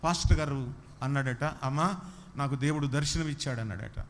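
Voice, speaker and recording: A man's voice: mid-range voice, moderate pace. A man preaching a sermon, repeating lines for emphasis and often asking if the listeners understood. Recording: long hall reverb.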